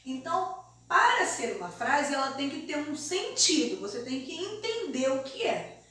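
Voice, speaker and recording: A Brazilian woman teaching a remote lesson to young children, explaining slowly and deliberately in a sing-song way. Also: high-pitched, sing-song, sharp tone. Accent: Brazilian Portuguese. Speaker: primary school teacher. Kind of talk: remote primary school lesson. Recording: very echoey room, mic far off, faint hiss.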